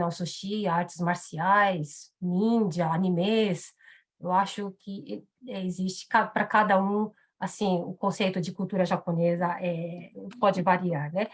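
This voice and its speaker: Woman in her fifties, seminar speaker, chatty with lots of fillers and tag questions. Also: on the low side. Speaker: seminar speaker on Japanese business etiquette. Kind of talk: live online seminar talk. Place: in Japan.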